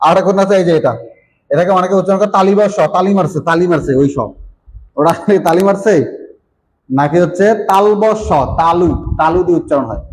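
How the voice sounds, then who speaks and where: A man's voice: high-pitched, fairly quick, slight background noise, rough recording. A man teaching an online grammar class, explaining letters and often checking that students understand.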